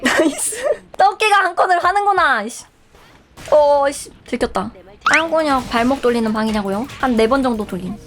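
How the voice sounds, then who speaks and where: A woman's voice: high voice, lively intonation, normal speed, a bit bright, a little hiss or hum. A young woman streaming a game, chatting playfully and teasing her viewers and teammates. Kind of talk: live game streaming chat.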